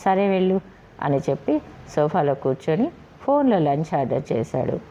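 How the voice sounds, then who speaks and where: A woman narrating a story in a steady, expressive storytelling manner. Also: low-pitched, normal speed, gravelly, highs cut off, a little hiss or hum.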